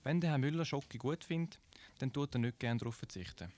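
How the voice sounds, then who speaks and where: A man with a Swiss German accent reads a scripted radio commentary at a middle pitch. He explains in a measured way and often poses rhetorical questions to his listeners. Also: a little mellow. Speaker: radio presenter.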